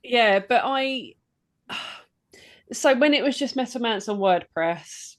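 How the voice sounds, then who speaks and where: A woman's voice: a little high, animated, slow. Chatty British woman podcaster. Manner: chatty, laughs often, searches for words. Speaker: podcast co-host and metal blogger. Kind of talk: casual podcast chat.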